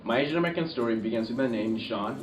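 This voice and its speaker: A man from Bangladesh speaks quickly and with energy. He is recorded in an echoey room, far from the mic. Guitar music plays behind him. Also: mid-range voice. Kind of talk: interview.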